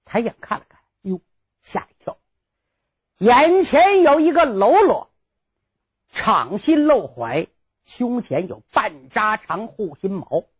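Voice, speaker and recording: Animated woman storyteller, husky and highish; dull lo-fi recording. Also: slow, pauses often. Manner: animated, dramatic, sound-effect words. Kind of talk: traditional storytelling narration.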